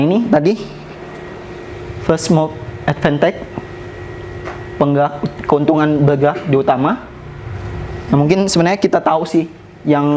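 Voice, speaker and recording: A man walks colleagues through presentation slides in an easygoing, chatty manner. His voice sits a little on the high side, and he often pauses on filler sounds while dropping in English business terms. A faint hum of background noise runs underneath. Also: a little mellow, poor audio. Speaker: presenter at a company sharing session.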